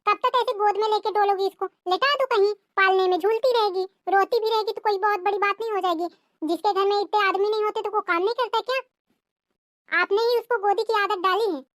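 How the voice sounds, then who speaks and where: Cartoon sister-in-law, young and scornful, voiced high and nagging by a woman; dry recording. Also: fairly even intonation, brisk, a bit bright, no echo. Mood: taunting. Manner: taunting, nagging. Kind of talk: cartoon family drama voicing.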